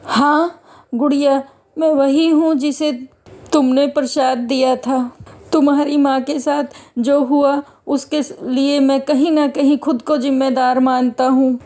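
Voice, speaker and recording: A woman's voice: high voice, little pitch movement, a little slow, darkish tone, pitched above the performer's own voice. A woman voicing a middle-aged male security guard in a spoken story, bantering and fatherly in manner. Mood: remorseful. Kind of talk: storytelling voice acting.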